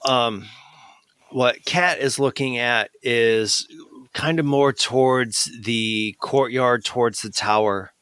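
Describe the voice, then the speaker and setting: Slow, clear-voiced male game master. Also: mid-range voice, a bit bright, no room sound, studio quality. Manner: methodical scene-setting descriptions. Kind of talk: narrating a tabletop game.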